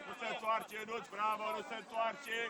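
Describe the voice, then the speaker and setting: A man's voice: high voice, completely flat delivery. A man coaching an amateur football match from the sideline, calling players by name with urgent commands. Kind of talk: shouted touchline instructions. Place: outdoor amateur football pitch.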